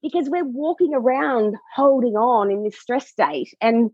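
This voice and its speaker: Husky animated woman coach talking. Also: fairly high pitch, measured pace, dry recording, lo-fi sound. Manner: animated, acts out clients' voices. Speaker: pelvic health coach. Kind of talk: podcast conversation.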